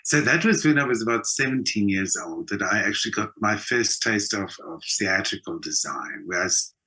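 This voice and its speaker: Joining the interview by video call from an indoor spot in his home country, this South African guest, an actor and theatre designer from Johannesburg, recounts personal stories conversationally. His voice sits fairly low and comes across animated, pushed and bright at a moderate pace, and he leans on emphatic repetition of words.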